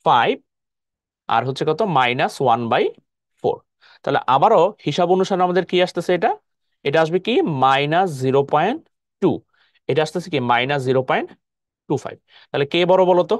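Man, Bangladeshi Bengali accent, live online math lesson, very lively pitch, dry close sound. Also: no echo. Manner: explains step by step, keeps asking "clear?". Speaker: math teacher.

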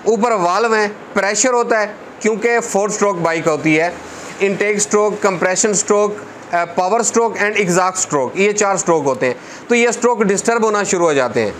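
A man's voice: sits high, brisk, fairly bright tone, a little hiss or hum. A man, a motorcycle mechanic earnestly giving repair tips to camera in his parts shop, speaking on a lapel mic. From Pakistan. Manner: earnest, repetitive, hands gesturing. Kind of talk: talking-head repair tips. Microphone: clip-on lapel mic.

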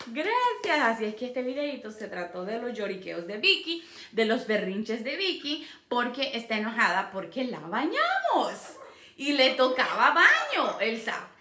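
A woman's voice: a little high, big pitch swings, measured pace, sharp tone, recorded from a distance. A woman hosting a pet vlog, talking to her parrots in coaxing baby talk at home. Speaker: pet parrot channel host. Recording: echoey room, away from mic, noisy.

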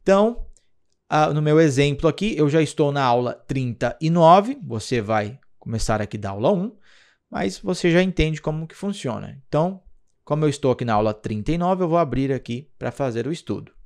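A man's voice: on the high side, expressive, a little fast, a little mellow. A man with a Brazilian Portuguese accent, an English teacher walking viewers through an app in a screen-recorded tutorial, patient and explanatory, often checking in with the listener.

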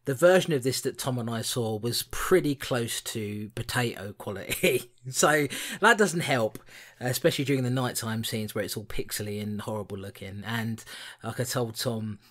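A man's voice: mid-range voice, normal speed, a bit bright. A man co-hosting a podcast, chatting casually and wryly about a film in a rambling way. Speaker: podcast co-host. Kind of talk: casual film review chat.

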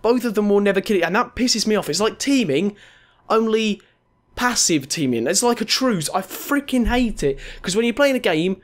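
A young male gaming vlogger with a noticeably high voice talks his way through a countdown, sarcastic and crude, swearing often. His words come out a little slurred from a dental retainer. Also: animated, moderate pace. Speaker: gaming YouTuber. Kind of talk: casual countdown commentary.

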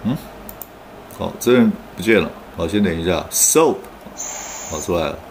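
A man teaches English sounds in an online class, and his pitch rises and falls a lot as he explains. He uses frequent "oh" fillers and says each sample word slowly and carefully. A faint hiss of room noise sits under his voice. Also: animated, darkish tone. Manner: explains patiently with frequent "oh" fillers, then models words slowly. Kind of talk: online pronunciation lesson.

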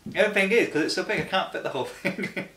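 A man's voice: high voice, quick pace, pushed and bright, roomy sound. A man in a casual taste-test chat, giggling as he talks with a lollipop in his mouth. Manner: giggly, laughs often. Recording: distant mic, faint noise.

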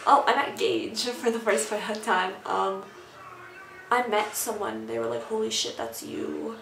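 A woman's voice: medium pitch, measured pace, creaky. A young adult woman with a Southern Californian accent, chatting casually in a rambling, informal, sweary way. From Southern California, United States. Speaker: vlogger answering an accent challenge questionnaire. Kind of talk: casual chat. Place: small bare-walled room indoors. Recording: roomy, distant mic, noticeable background noise.

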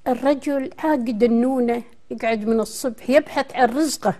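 An older woman with a Kuwaiti accent speaks as an interview guest in a television studio. Her voice sits a little high for a woman and has a very mellow, rounded tone. She talks conversationally, explaining things to her interviewer. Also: brisk. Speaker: interview guest, dialect historian.

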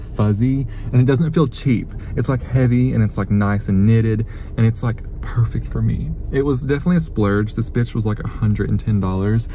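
A young man in his twenties vlogging on his phone, excitable and chatty, swearing freely and saying "like" a lot. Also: medium pitch, a little hiss or hum. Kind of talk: casual vlog talk to camera. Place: inside a car, then a hotel room, then an outdoor street. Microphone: phone camera held at arm's length.

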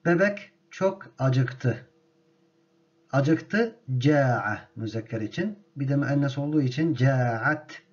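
A male teacher leads a grammar lesson at an unhurried, measured pace, saying each word twice so it sinks in. His voice sits at an ordinary middle pitch. The recording sounds dull and muffled, like lo-fi audio. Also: animated. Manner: slow and deliberate, repeating each word for drilling. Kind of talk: grammar lesson with spoken drills.

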